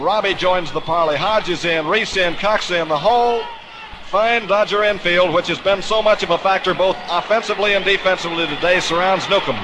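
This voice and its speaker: On an old broadcast recording, a man calls baseball play-by-play from an outdoor ballpark in a dramatic, florid 1950s radio style. His voice is high, and the background is noisy.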